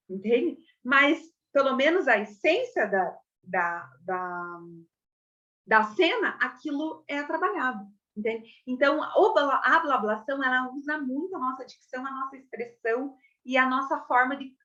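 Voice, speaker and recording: A young Brazilian woman with a high voice teaches a casual theater class and talks to her viewers in a chatty, expressive way. She often stops to ask if they follow. The recording sounds a little dull and lo-fi. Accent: Brazilian Portuguese. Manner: chatty, expressive, repeats words and checks in with listeners. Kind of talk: casual online lesson. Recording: slightly dull lo-fi audio.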